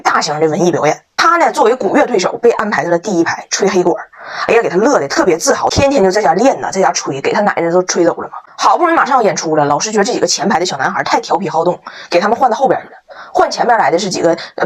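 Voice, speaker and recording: A woman's voice: mid-range voice, breathy edge. A woman, a vlogger telling a story to camera in a joking, emphatic way. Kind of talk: casual storytelling monologue.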